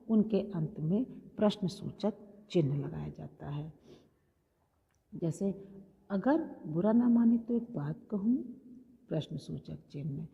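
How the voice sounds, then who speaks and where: A woman's voice: mid-range voice, gravelly. Lo-fi Hindi teacher woman, echoing. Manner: patient explanatory teaching, addresses pupils often. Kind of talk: recorded classroom grammar lesson. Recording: lo-fi with long hall reverb.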